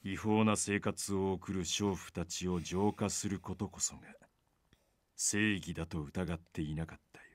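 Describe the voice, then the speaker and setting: An actor playing a calm criminal mastermind in a Japanese game, monologuing with slow, theatrical menace. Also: male voice, low-pitched, dry recording. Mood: smug, theatrical. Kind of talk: Japanese visual novel game voice acting.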